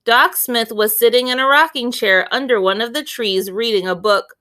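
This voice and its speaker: An expressive female storyteller with a higher-pitched voice reads from a children's book, her phrasing careful and clear.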